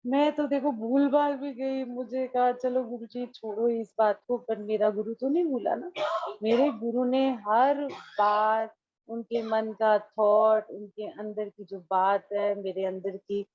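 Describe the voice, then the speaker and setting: This devotee's voice is on the high side and fairly even, and she takes her time as she casually recounts a moving devotional experience. She slips English phrases into her Hindi and acts out what people said, and the lo-fi recording has no echo.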